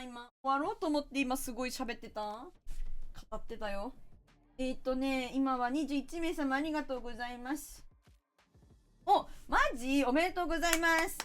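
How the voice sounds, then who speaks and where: A woman's voice: high voice, fairly bright tone. A woman game streamer, chatting casually and thanking viewers one by one.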